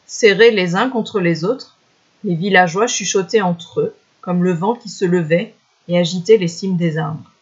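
A storyteller reading a folk tale aloud in a measured, expressive way, on a dull lo-fi recording. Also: mid-range voice, husky.

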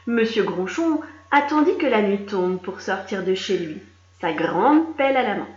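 A woman reading a children's story aloud, expressive and speaking directly to a young listener. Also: mid-range voice. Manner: slow, expressive, addressing a child. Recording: roomy, slightly dull recording.

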